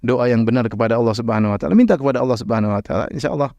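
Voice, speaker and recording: A male preacher tells a story from the pulpit quickly and conversationally. He stops to correct himself and adds asides. The sound is dry and close, with no room echo. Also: medium pitch, darkish tone, muffled recording. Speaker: Islamic preacher. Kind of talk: sermon storytelling.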